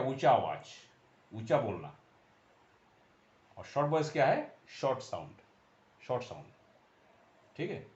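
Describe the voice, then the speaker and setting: A man's voice: medium pitch, a little mellow. Man teaching shorthand in a roomy space. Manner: repeats sounds slowly and drills them aloud; pauses often while writing on a board. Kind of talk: classroom explanation. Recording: dull roomy sound.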